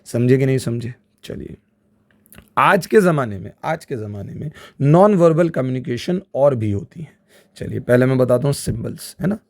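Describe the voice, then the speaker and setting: A man teaching a class, slow and stressed, often checking whether his students follow. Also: medium pitch. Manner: animated, keeps asking if students follow; slow, stressed delivery with acted examples. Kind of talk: classroom lecture.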